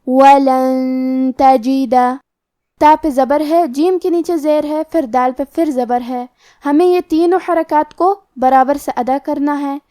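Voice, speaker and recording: A woman teaching Quran recitation rules, explaining each rule methodically and then reciting the words slowly and drawn out. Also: high voice, mellow.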